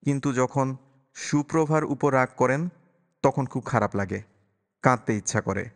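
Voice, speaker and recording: Calm male audiobook narrator, echoing. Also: medium pitch, a little slow. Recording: long reverberant echo.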